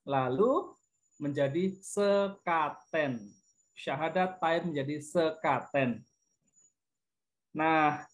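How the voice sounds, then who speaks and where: Man teaching children, patient and singsong. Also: on the high side. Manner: patient, sings and hums example tunes. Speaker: guest teacher. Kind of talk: online class lecture to children.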